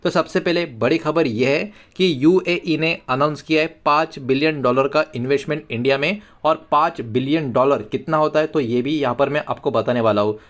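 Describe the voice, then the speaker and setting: A man's voice: a little high, normal speed, hardly any pauses. A man with an Indian accent presenting market news as an explainer, going point by point. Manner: repetitive hedging catchphrases, point-by-point explaining. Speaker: finance news YouTube host.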